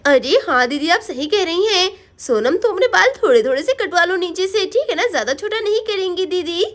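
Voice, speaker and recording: A woman voicing a gentle village woman who speaks in a soothing, coaxing way. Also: extremely high pitch, lively intonation, a little fast.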